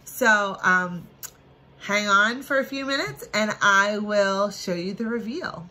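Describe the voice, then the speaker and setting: A woman's voice: medium pitch, slow pace, sharp tone. A woman in her thirties giving a casual, upbeat craft demonstration for children, recorded on a phone in a small room. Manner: upbeat, addressing children as friends, with playful reveals. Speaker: children's library craft presenter. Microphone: phone at arm's length.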